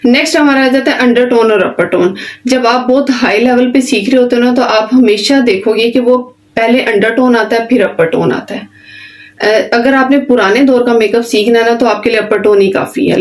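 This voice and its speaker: Lady teaching a makeup course online, direct and simple, keeps saying okay, voice a little high. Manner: repeats "ठीक है" often, plain simple explanations; direct, instructing tone. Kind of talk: online class lecture.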